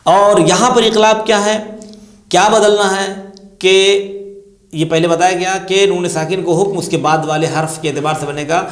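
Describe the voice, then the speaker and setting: A male religious teacher with an Indian Urdu accent, explaining a lesson patiently and slowly drawing out recited examples. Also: high voice, fairly even intonation. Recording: echoey room.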